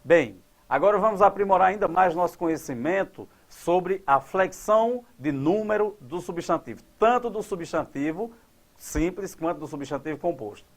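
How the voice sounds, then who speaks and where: A man teaching grammar at a board, quizzing his class and drawing out example words slowly. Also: sits high, lively intonation. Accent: Brazilian Portuguese. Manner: didactic, asks the class questions and answers them.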